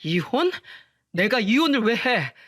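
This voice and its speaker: A woman's voice: fairly high pitch, big pitch swings, unhurried, a bit bright, no room sound, clean studio sound, pitched above the performer's own voice, heavily acted. A woman voicing a young husband who pleads with his wife and argues with his mother. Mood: angry. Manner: urgent, pleading.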